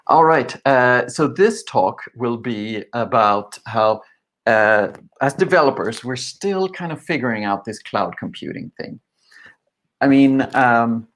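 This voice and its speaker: A man in his forties, from Sweden, speaks in a relaxed way at a medium pitch, giving an online tech talk. He keeps stopping on fillers as he moves from point to point. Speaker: conference speaker.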